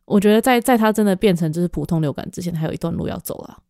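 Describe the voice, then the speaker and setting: A woman's voice: on the low side, rapid-fire, dark tone, no room sound, clean studio sound. A young woman with a Taiwanese Mandarin accent, chatting casually and agreeably as a podcast co-host. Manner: attentive, agreeing, backchannels often. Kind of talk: casual chat.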